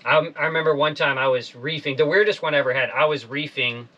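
Bright-voiced man hosting a sailing chat. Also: a little high, fast, muffled recording. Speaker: podcast host. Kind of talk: casual interview chat. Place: small boat cabin, indoors.

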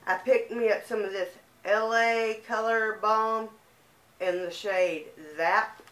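Woman with a lisp, young adult, slow easygoing haul chat, echoey room. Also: fairly high pitch, steady tone, a bit bright. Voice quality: lisp and speech impediment. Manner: chatty, easygoing, unhurried show-and-tell. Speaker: vlogger. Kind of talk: casual shopping haul chat.

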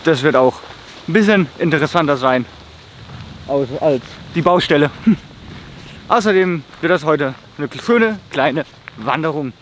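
Young man, travel vlog, unhurried speech, slightly high voice, outdoors, camera at arm's length, music underneath. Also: slight background noise. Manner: relaxed, chuckles between remarks. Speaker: travel vlogger. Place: outdoors by a car and in woods.

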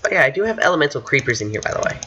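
Bright-voiced man rambling over gameplay. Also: on the high side, sing-song, rapid-fire. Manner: rambling, boastful, talks to himself while playing. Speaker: gamer. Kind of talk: casual gameplay commentary. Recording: dull lo-fi mic with faint hiss.

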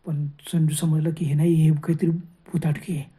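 A man's voice: on the high side, level tone, moderate pace, mellow. A man telling a horror story in a dramatic way, full of gasping exclamations.

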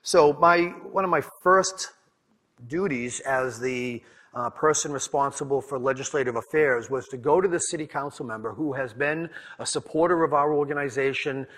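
In a conference room, a conference speaker from New England, with a Boston accent, presents in a frank storytelling style, frequently restarting and repeating words. He speaks at normal speed in a mid-range, slightly bright voice.

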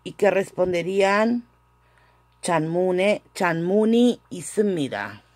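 Slow, careful woman teaching vocabulary. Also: lowish voice, expressive, a little mellow, dry recording. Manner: repeats words slowly, corrects her own pronunciation. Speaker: Korean language teacher. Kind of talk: slow, careful language lesson. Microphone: phone camera.

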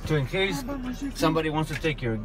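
A young adult man, a dad in a family vlog, playfully showing off a toy like a mock infomercial pitch. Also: animated, fast, over music. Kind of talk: casual home video demonstration.

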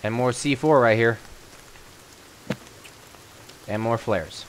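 Over clear background noise like falling rain, a man with a mid-pitched voice chats casually. He talks as the host of a co-op gaming session, keeping up loose commentary with his teammates. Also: slow. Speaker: host of a gaming video series. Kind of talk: casual co-op gameplay chat.

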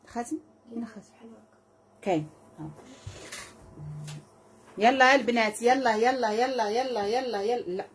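Woman, Moroccan accent, live sales host, fast, husky, effusive. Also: fairly high pitch. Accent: Moroccan Arabic. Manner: effusive, repetitive, calls out prices and blessings to viewers.

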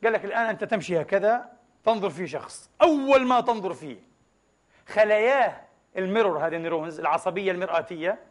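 Animated, fast-talking preacher. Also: male voice, high-pitched. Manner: animated, many rhetorical questions to the congregation; mixes formal Arabic with colloquial dialect and foreign words. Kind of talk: Friday sermon.

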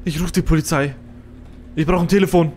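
High-voiced jumpy male streamer. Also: fairly quick, faint music behind. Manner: jumpy, excitable, swearing. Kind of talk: horror game let's play commentary.

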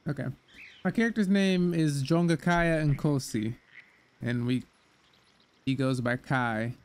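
A man streaming himself playing a game, chatting and reacting out loud as he goes. His voice sits a bit high for a man, and he talks at an unhurried, slow pace. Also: smooth. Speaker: gaming streamer. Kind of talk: casual let's-play commentary.

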